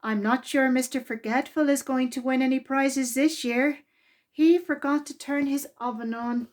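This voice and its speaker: Here a storytime reader with a high-sitting voice reads from a children's book. She takes her time and gives the words plenty of expression for the little ones listening.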